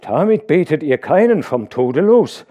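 A frightened old nurse scolds bluntly, taken aback, a male narrator putting her on. Her voice sits a bit above his dark, mellow tone in this audiobook, with lively rises and falls. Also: fairly high pitch, a little slow, dull audio, pitched above the performer's own voice. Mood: shocked scolding. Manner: scolding, shocked.

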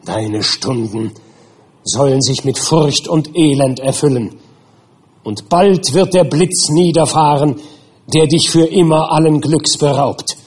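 Vengeful male creature, slow husky menace, read by a man. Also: on the high side, pitched above the performer's own voice. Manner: hushed, dragging threats swelling to outbursts.

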